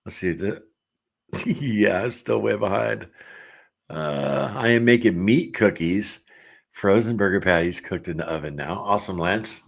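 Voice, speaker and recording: Deep-voiced man hosting a casual livestream. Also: unhurried, gravelly. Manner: relaxed, chatty, laughs often, reads comments aloud. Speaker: livestream host reading chat comments.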